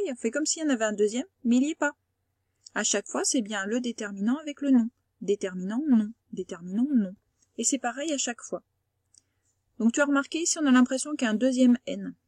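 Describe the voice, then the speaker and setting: Une femme institutrice à l'français qui fait une leçon à distance pour de jeunes élèves, patiente, répétant et détachant les mots. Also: female voice, a little high, darkish tone, no echo, clean studio sound. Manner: patient, explains slowly and repeats words. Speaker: primary school teacher. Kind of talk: remote lesson for young pupils.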